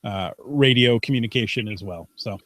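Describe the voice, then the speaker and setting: A man's voice: on the low side, normal speed, fairly bright tone, no room sound. A man co-hosting a casual podcast over a video call, chatty and reading news aloud with playful asides. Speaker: podcast co-host.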